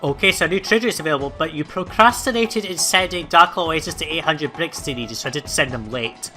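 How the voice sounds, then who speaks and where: A man hosting a let's play, giving relaxed gameplay commentary and thinking aloud with plenty of ums and uhs. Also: on the high side, fairly quick, soft background music.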